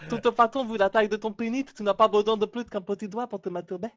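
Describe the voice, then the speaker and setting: A woman acts out a sadistic female torturer in an improvised role-play. She is menacing and halting, rambling through crude taunts at a middling pitch. The sound is dull and dry. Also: steady tone, no echo, close to an everyday voice. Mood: mocking.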